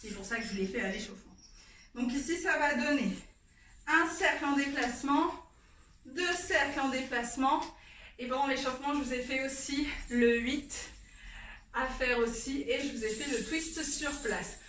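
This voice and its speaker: High, bright woman teaching dance from across the room. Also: normal speed, distant mic, slight background noise. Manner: calls out counts and moves rhythmically. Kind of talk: dance lesson with counting and cues. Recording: echoey room, voice from off-mic, faint ambience.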